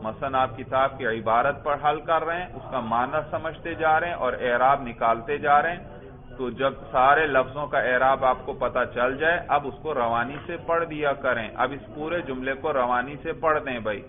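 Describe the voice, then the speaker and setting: Man teaching grammar over a tinny line. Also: mid-range voice. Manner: drills students step by step and praises answers. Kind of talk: classroom grammar lesson with questions to students. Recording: tinny phone-like sound.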